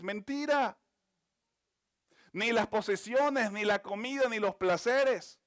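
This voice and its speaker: A man preaching a sermon as a pastor, swinging between forceful emphasis and hushed, slow phrases. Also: sits high, no echo, studio quality.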